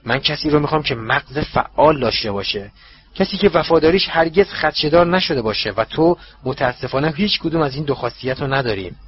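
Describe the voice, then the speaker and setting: A man voicing a cruel, ruthless dark master who speaks in a cold, contemptuous, husky voice. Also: a little high, animated, dull audio. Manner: cold, slow and menacing, contemptuous. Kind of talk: audiobook character voice.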